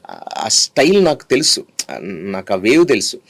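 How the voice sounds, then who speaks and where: A man speaking in a casual interview, telling stories in an animated, lively way that rises to loud bursts. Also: mid-range voice, normal speed, no room sound. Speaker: actor and comedian.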